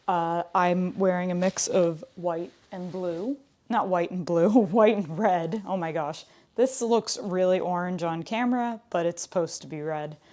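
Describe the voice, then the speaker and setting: A woman's voice: lowish voice, dark tone. A woman leading a livestreamed Pilates class, chatting casually and upbeat, correcting herself as she goes. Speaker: Pilates instructor. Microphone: livestream camera mic.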